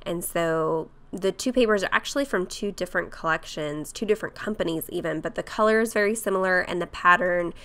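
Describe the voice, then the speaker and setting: A woman with a cold-roughened voice, chatting casually through a craft tutorial voice-over. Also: lowish voice, a little fast, hardly any pauses. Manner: chatty, with fillers and soft laughs. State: hoarse from a cold. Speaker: craft vlogger.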